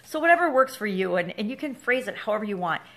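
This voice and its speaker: A middle-aged woman talking through a self-help practice in an easy, chatty way. She sounds earnest and warm toward her listeners and laughs lightly now and then. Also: mid-range voice, sing-song, fast talker. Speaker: wellness coach. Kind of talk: casual teaching talk to camera.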